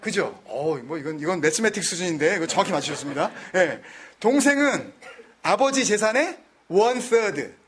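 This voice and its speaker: A man with a high, husky voice leads a Bible study. He talks casually, drops in English words, and keeps quizzing his listeners. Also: expressive, normal speed, fairly bright tone. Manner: conversational, mixes in English words.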